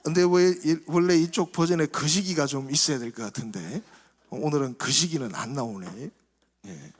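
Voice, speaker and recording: A male pastor giving a sermon in a reflective, soft-spoken way, his phrases trailing off quieter. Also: on the high side, moderate pace, breathy edge. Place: church sanctuary. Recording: reverberant church hall.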